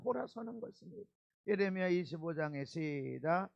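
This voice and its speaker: A man's voice: high-pitched, expressive, normal speed, vocal fry, a little mellow, no room sound, dull audio. A male pastor preaching a Sunday sermon in a church, emphatic and repeating his key words. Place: church sanctuary.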